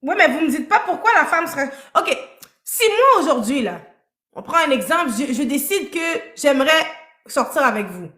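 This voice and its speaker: A woman with a high, bright voice hosts a live-stream dating show and keeps pressing her guest with probing questions. The sound is roomy and echoey. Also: sing-song, normal speed.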